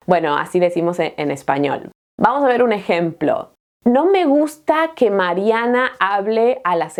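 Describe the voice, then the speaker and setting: A woman from Latin America teaching a Spanish lesson, explaining slowly and often checking in with "¿no?". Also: medium pitch. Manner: slow, clear teaching with frequent "¿no?" checks and laughs. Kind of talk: language lesson. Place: Australia.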